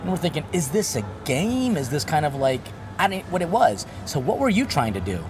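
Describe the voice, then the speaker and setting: A man from the United States, a priest hosting a casual food and travel interview at an outdoor restaurant, talking in a lively, jokey way. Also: on the high side, a little fast, background noise. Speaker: host and priest.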